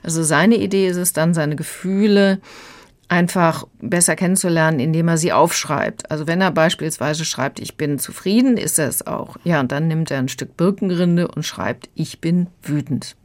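A woman critic calmly explaining a children's audiobook in a radio conversation. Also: low voice, normal speed. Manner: calm, explanatory. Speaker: book critic.

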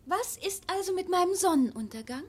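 High-voiced, earnest little prince. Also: female voice, expressive, fairly quick. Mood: hopeful. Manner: innocent, polite, questioning. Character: earnest, curious little prince, a young boy. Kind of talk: children's audio drama acting.

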